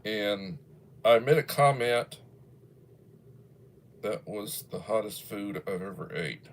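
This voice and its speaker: Reading viewer comments aloud on a livestream, this man in his early sixties sounds casual, rambling and folksy. His fairly low voice has lively intonation and a slow delivery, with slight background noise in the clip.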